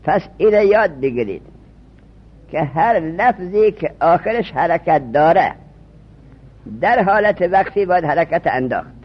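A man teaches a religious studies lesson, his husky voice sitting a little high. He repeats each term and quizzes the class with quick questions. The recording sounds dull and lo-fi. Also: lively intonation.

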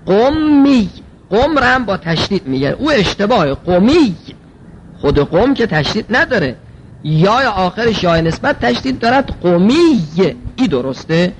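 A man with a high voice lectures on classical logic, quoting Arabic phrases and explaining them plainly. He asks questions aloud and answers them himself, his pitch swinging widely. A faint hiss sits under the recording. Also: poor audio. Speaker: teacher. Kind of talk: seminary-style logic lecture.

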